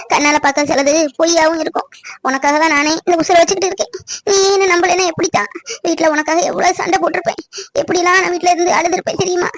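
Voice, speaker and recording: A woman voicing a tearful village girl, very high. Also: fairly bright tone. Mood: hurt. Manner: tearful, pleading. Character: young village woman Ponni, pleading lover. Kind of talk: cartoon drama.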